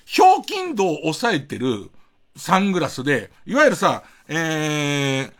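A man's voice: a little high, wildly swooping pitch, measured pace, a bit bright. A middle-aged man hosting a late-night radio monologue, rambling in a self-mocking way with chuckling asides, on a close studio mic. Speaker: radio host.

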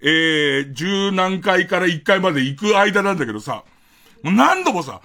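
A man talking through a late-night radio monologue, chatty and rambling, with lots of hesitant fillers. His voice sits high and moves around a lot as he tells his stories. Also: very animated, moderate pace, creaky, sharp tone. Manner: rambling storytelling full of fillers; casual, chatty. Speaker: radio host.

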